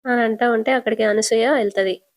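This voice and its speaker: A woman's voice: a little high, fairly even intonation, brisk. A woman narrating a retelling of a TV serial episode. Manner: plain retelling.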